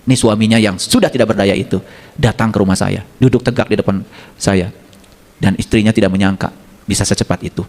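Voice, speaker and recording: Here a middle-aged man, voice on the low side and pace a little fast, gives a relaxed sermon in his role as a religious teacher. Animated throughout, he keeps asking the congregation questions and playing out brief dialogues, captured with long hall reverb.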